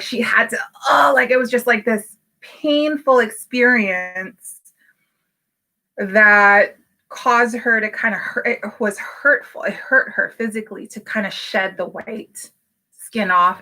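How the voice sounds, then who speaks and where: A woman's voice: mid-range voice, steady tone, measured pace, pushed and bright. A woman in her thirties from Hawaii, a business coach talking candidly to camera in a casual, motivational way, with many fillers. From Hawaii, United States. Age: 30s. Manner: candid and personal, with frequent fillers.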